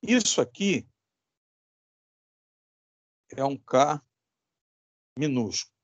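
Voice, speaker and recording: A man's voice: mid-range voice, sing-song, extremely slow, no room sound, lo-fi sound. A man teaching an electronics class with a Brazilian Portuguese accent, emphatic and repetitive, asking his students rhetorical questions. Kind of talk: recorded classroom lesson.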